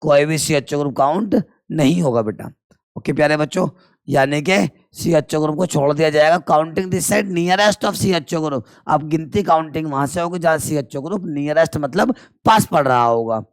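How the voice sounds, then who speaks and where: Slightly high, crisp-voiced male chemistry teacher. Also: moderate pace, dry recording, studio quality. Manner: quizzes students and answers himself, calls them "beta". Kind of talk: classroom lecture.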